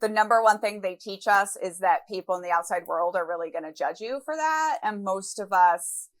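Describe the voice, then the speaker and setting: A woman's voice: mid-range voice, moderate pace. A woman in her thirties from Brazil, a guest author talking candidly in a casual interview with frequent fillers. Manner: candid, reflective, many fillers.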